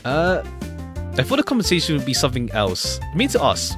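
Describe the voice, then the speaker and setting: Briskly and with wildly swooping pitch, a man with a slightly high voice chats through a game stream, reading dialogue aloud and repeating himself as he rambles along. Music plays in the background.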